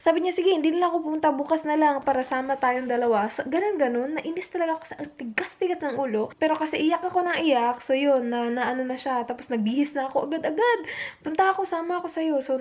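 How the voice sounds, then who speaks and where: A woman's voice: sits high, darkish tone. A young woman vlogging at home alone at night, chatty and upset, retelling a long night and mixing English phrases into her talk. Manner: chatty, mixes English into Tagalog, retells quotes. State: upset, on the verge of tears. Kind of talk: casual storytelling vlog.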